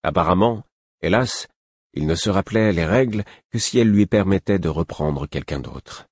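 This audiobook of a first-person novel is read by a man whose voice is very deep and husky, paced in an even, measured way. It's recorded up close and dry, with no echo or room sound.

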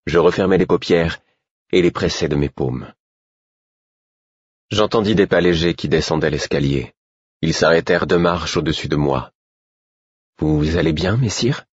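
Audiobook narrator, a man, measured and even; very low voice with a husky edge. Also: no room sound, lo-fi sound. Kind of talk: first-person novel narration.

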